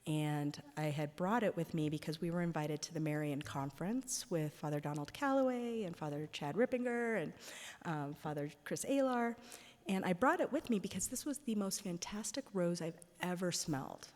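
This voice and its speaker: A woman gives a casual talk in a church and tells her stories with plenty of "like" and "um." Her voice sits fairly low, and a long reverb from the big hall trails after each phrase. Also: expressive, moderate pace, darkish tone. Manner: chatty, with many "like" and "um" fillers. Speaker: guest speaker at a parish.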